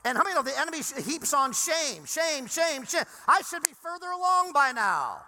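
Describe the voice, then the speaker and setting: A high, very bright male voice delivers a lively sermon, pushing hard on key words and then dropping almost to a whisper. He is a pastor preaching in a large church hall, and the sound rings with long reverb. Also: moderate pace. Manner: animated preaching, swinging between loud emphasis and near-whispers.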